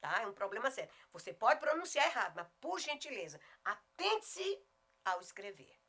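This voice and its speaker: Bright, emphatic woman with a Goiás accent. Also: a little high, sing-song. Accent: Goiás Brazilian Portuguese. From Goiás, Brazil. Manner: emphatic, slows and spells words out. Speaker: Portuguese teacher. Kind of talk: video lesson on spelling and pronunciation.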